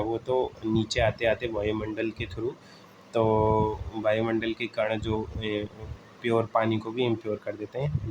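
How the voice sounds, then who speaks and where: A man with a fairly low voice gives a casual exam-prep lesson on vocabulary over a noisy background. He explains words through memory tricks, calls his listeners "friends," says "theek hai" often to check they're following, and pauses with frequent "uh"s.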